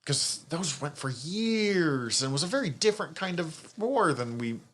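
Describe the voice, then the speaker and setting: A man's voice: a little high, big pitch swings, unhurried, fairly bright tone. A man co-hosting a podcast, chatting casually about a TV series, swearing freely and laughing often. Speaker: podcast co-host. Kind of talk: casual review chat.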